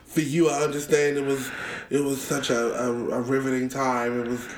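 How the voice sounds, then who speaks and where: A man's voice: medium pitch, little pitch movement, normal speed, distant mic. A man co-hosting a comedy podcast, sassy and emphatic, delivering preachy asides in casual chat. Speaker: podcast co-host. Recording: roomy echo with faint room noise.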